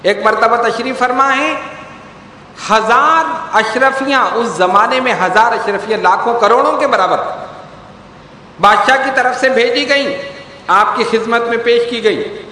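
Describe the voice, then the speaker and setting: A man delivering a storytelling sermon, acting out quoted dialogue with lively emphasis. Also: very high voice, slight background noise. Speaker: religious preacher. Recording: echoey hall with long reverb.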